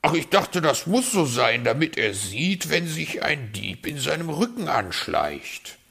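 A man voicing a sly, smooth-talking male fox in a read-aloud story, flattering and evasive, with a gravelly voice. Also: a little high, a little slow, pitched above the performer's own voice, heavily acted.

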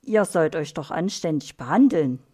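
A woman voicing a calm, fair female carer who speaks gently and soothingly in a storybook. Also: deep voice, moderate pace, husky. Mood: gentle.

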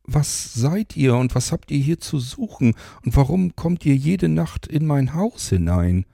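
A shy, easily flustered young woman from a storybook, asking questions in a raised, wondering tone, as a male narrator puts her on. The voice is pitched well above his own but keeps a dark, gravelly grain. The delivery is unhurried and a little breathless. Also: expressive, dry recording, studio quality, full character voice. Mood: indignant.

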